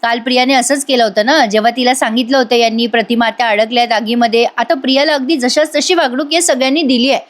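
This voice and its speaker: A woman with a high voice recaps a TV serial episode in a chatty voice-over. She talks straight to her listeners and acts out the characters' lines as she goes. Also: steady tone, fast talker, hardly any pauses. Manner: chatty, addresses listeners directly. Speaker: TV serial reviewer. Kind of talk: voice-over episode review, retelling scenes.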